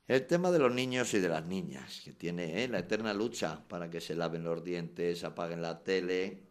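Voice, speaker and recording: Deep-voiced male radio host. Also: normal speed. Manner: chatty, acts out stern parent orders. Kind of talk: conversational radio interview.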